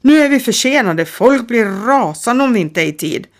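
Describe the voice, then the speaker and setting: A woman's voice: a little high, expressive, voice pushed up, close to an everyday voice. A woman reading aloud, voicing a fussy, old-fashioned older male train driver.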